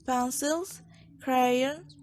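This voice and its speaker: A young woman with an Indonesian accent, slowly and carefully reading a student class presentation, restarting words now and then. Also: high voice, a little mellow. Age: young adult.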